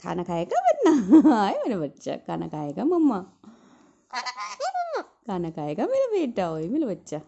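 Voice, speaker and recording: A woman's voice: mid-range voice, wildly swooping pitch, unhurried, gravelly, pauses often, mellow, dull audio. A woman coaxing her pet parrot in doting baby talk. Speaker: pet owner.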